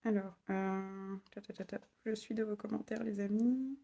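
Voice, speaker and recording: A woman's voice: mid-range voice, steady tone, moderate pace, gravelly, dark tone, muffled recording. A woman hosting a casual live stream from her home office, reading viewer comments aloud, repeating them and laughing often. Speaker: live stream host, human design guide. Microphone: phone or laptop mic.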